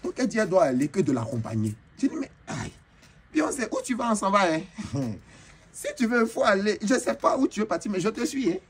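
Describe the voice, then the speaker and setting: A man acts out a flamboyant, self-admiring braider chief from a busy market, talking in an Ivorian French accent. The voice sits somewhat high and leaps around with lively swings. She brags freely and tosses in bits of broken English, with a faint hum of ambience behind. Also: rapid-fire, few pauses. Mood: boastful. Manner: boastful, animated, mixes in broken English. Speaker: comedian. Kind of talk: comic monologue in character.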